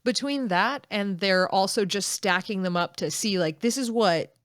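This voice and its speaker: A woman's voice: mid-range voice, moderate pace, no room sound, clean studio sound. A woman guest on a podcast, chatting casually and with amusement about a film. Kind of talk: casual chat.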